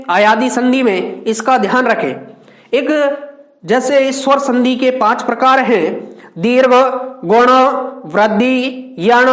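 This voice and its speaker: A man's voice: very high voice, a bit bright. Guy teaching a class, quizzes then answers himself, drags out example words, room echoes a lot. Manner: asks questions and answers them himself, stretching out example words. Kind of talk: classroom grammar lesson.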